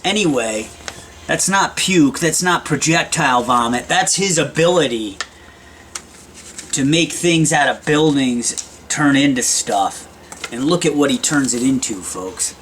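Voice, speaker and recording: Male comic vlogger, mid-pitched, rambling and chatty, mutters self-mocking asides, camera-mic sound with a faint hiss. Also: a bit bright. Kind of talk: casual comic book review. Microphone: built-in camera microphone.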